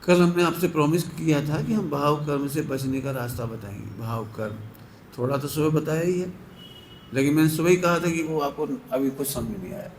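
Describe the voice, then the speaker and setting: A man giving a sermon as a Jain preacher, speaking slowly and emphatically and repeating key phrases to drive them home. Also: on the high side, a little hiss or hum. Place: large hall. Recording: echoey hall, faint ambience.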